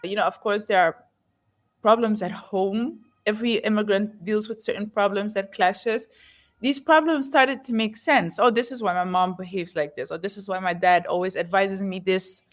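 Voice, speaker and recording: A woman's voice: mid-range voice, normal speed. A woman who grew up in the Netherlands, a guest in an interview, talking in an earnest, reflective way and often searching for words. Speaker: guest entrepreneur.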